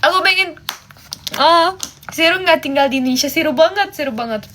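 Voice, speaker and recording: With a high-pitched, bright and forceful voice, a German woman talks a little fast and animatedly to livestream viewers. She chats casually while doing makeup, switching languages, over slight background noise.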